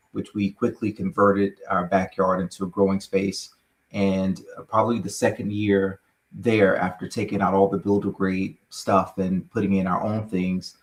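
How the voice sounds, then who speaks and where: A middle-aged man from Florida, a farm co-owner telling the story of his farm in a relaxed way. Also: lowish voice, poor audio. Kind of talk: podcast interview guest.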